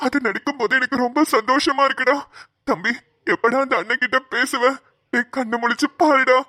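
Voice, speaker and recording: A woman's voice: high-pitched, fairly even intonation, a little fast, bright, forceful tone, no echo, clean studio sound. A woman voicing a devoted, emotional elder brother in a cartoon, calling out anxiously and pleading. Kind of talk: cartoon voice acting.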